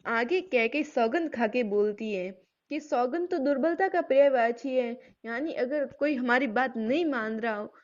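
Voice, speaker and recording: A woman with a high voice teaches a poetry class. She recites lines slowly and with weight, then breaks them down in everyday speech. The recording is muffled and lo-fi. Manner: recites verses slowly and drawn-out, then explains in plain talk. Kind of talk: Hindi literature lesson.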